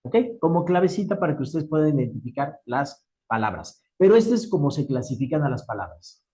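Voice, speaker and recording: A man teaching an exam-prep Spanish lesson, speaking slowly and deliberately, stretching key words and checking in with his students. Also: fairly high pitch, big pitch swings, warm tone, poor audio. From Mexico.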